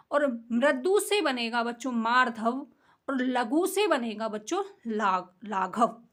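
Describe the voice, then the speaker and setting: A woman's voice: sits high, bright, forceful tone. A woman teaching a grammar lesson, explaining step by step, asking her students questions and answering them herself.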